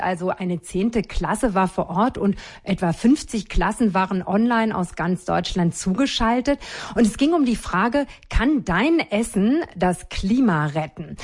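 Lady radio reporter, medium voice, chatty and informative. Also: medium pitch.

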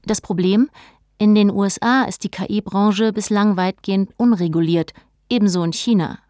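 A woman narrating a documentary script in a measured, informative tone. Her voice sits in the middle range and is recorded close and dry, with no room sound. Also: medium pitch, darkish tone, no echo.

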